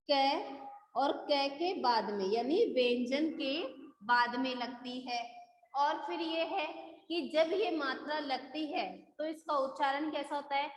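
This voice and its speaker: A woman's voice: high-pitched, slight background noise. A woman Hindi teacher giving a classroom lesson, asking each question and answering it herself, calling her students beta. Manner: addresses students fondly as beta. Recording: echoey room with long reverb.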